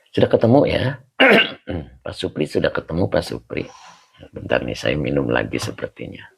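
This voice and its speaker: A man's voice: low voice, gravelly, husky. A man leading a casual online religious class, chatty, greeting students by name and laughing often, heard over a video call. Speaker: religious teacher.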